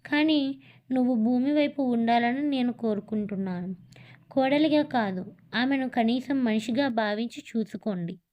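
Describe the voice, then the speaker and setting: A woman's voice: a little high, normal speed, muffled recording, natural voice. A woman reading the lines of a grave middle-aged husband who pleads earnestly. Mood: pleading.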